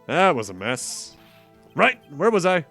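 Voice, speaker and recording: Animated, joking male streamer. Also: on the high side, unhurried, faint music behind. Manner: joking, self-deprecating. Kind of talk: casual gameplay commentary.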